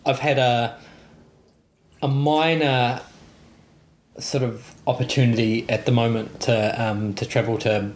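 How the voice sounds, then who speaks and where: A man co-hosting a casual chat, speaking haltingly with many restarts and fillers. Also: medium pitch, level tone, slight background noise.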